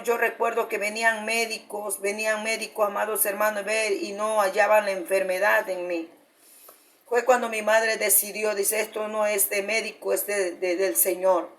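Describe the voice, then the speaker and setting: A woman pastor with a mid-range voice delivers a fervent sermon testimony, frequently calling out to the congregation as beloved brothers and sisters.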